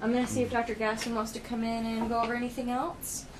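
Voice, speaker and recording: A woman's voice: fairly high pitch, little pitch movement, fast. Woman giving aftercare instructions, distant noisy recording. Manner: plain-worded, step-by-step, checking understanding. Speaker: dental surgery assistant giving aftercare instructions. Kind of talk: explaining instructions conversationally. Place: indoor clinic treatment room. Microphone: camera held by another person, at a distance. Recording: noisy room, distant camera microphone.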